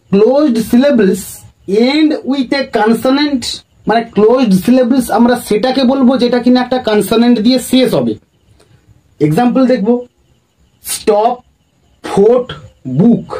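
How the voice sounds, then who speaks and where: Man, grammar teacher, fairly high voice, board lesson, slow careful English definitions. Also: dark tone, low-quality recording. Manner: explains in Bengali, mixing slow English definitions; calls the viewers "friends".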